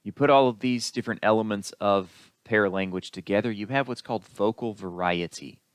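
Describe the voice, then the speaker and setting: A man giving a recorded lecture as an instructor, explaining in an unhurried way with the odd filler. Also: on the low side, smooth, no room sound.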